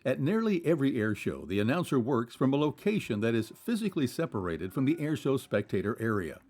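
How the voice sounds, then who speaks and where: Man narrating with lively, varied pitch. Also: fairly quick. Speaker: documentary narrator. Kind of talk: scripted narration.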